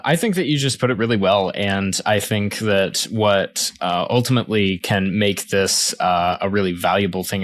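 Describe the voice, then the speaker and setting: A man co-hosting a podcast, speaking earnestly and at a measured pace with frequent "uh" fillers. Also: fairly low pitch, a bit bright, no echo. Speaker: podcast co-host. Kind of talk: casual podcast chat.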